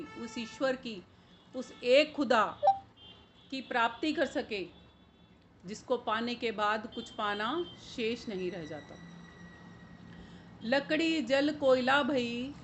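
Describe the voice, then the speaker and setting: A woman giving a devotional sermon, explaining verses and chanting couplets in a drawn-out cadence. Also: a little high, a little hiss or hum. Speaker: spiritual preacher.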